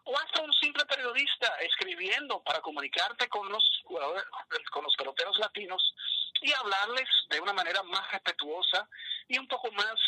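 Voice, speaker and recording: Lively, bright-voiced male radio commentator. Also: high voice, no echo, low-quality recording. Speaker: radio baseball co-host. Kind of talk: radio sports talk.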